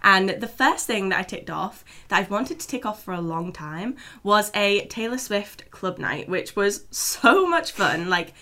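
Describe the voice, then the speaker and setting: A British woman in her twenties with a hoarse, froggy, lost voice, chatting casually and self-deprecatingly as a podcast co-host. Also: mid-range voice, animated, a little slow, hardly any pauses, pushed and bright. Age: 20s. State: hoarse, froggy, worn-out voice from losing it.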